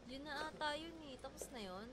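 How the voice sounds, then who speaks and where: A woman's voice: sits high, a little fast, heavy background noise. A woman playing a horror game, chatting casually and reading the story text aloud. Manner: chatty, reads story text aloud, yelps when startled. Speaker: gaming streamer. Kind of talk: horror game let's play.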